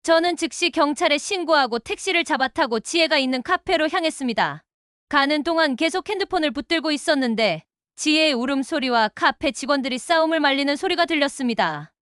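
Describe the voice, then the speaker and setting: A woman narrating a dramatic family story in a steady scripted storytelling voice, reading every part herself. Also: high-pitched, fairly quick, no echo, clean studio sound. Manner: reads all parts in one steady voice.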